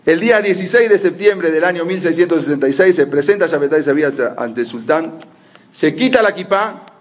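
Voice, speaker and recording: A man teaching a religious history lesson as an animated story, sometimes slipping into the voices of the people he quotes. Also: fairly high pitch, brisk. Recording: muffled lo-fi audio.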